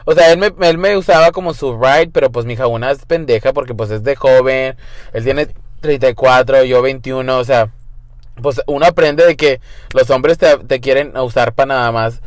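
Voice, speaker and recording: A man's voice: medium pitch, moderate pace, no echo. Campy young man telling a crude story. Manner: camp, crude slang, mixes English and Spanish. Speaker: guest storyteller. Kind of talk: casual storytelling.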